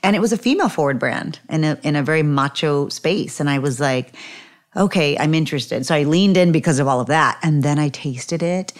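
Woman, low pitch, casual chat, lively storyteller. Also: brisk, hardly any pauses. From Mexico. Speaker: co-host and tequila brand owner.

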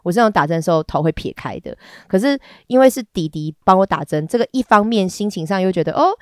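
Hoarse, stuffy-nosed woman podcaster. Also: mid-range voice, animated, fast talker, no room sound, clean studio sound. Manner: frank, bawdy and giggly, rambling. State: hoarse and congested. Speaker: podcast host. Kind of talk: casual solo podcast chat.

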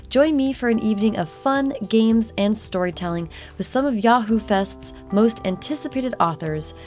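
A woman's voice: medium pitch, a little mellow. A woman hosting a podcast, reading an upbeat intro and asking interview questions with friendly interjections. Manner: upbeat, friendly, laughs along. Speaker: podcast host.

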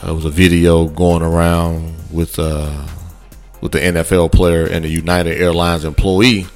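A man's voice: deep voice, level tone, a little slow, darkish tone, soft background music. A man hosting a sports podcast, talking loosely and conversationally with many fillers and restarts. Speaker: podcast host. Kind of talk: casual sports talk.

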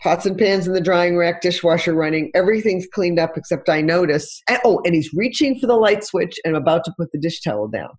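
A woman's voice: lowish voice, animated, a little fast, few pauses, darkish tone, husky. A middle-aged woman, a relationship coach on a talk show, telling stories expressively and acting out the dialogue. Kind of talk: animated talk-show interview.

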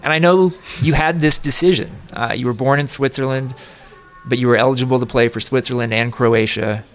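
An American man interviewing a footballer, asking prepared questions in a measured way. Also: medium pitch, steady tone. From United States.

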